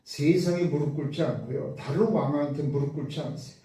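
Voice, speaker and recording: A man's voice: on the high side, a little fast, mellow. A man preaching a sermon as pastor. He is emphatic and often asks questions that he answers himself. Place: church sanctuary. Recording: very echoey hall, voice from a distance.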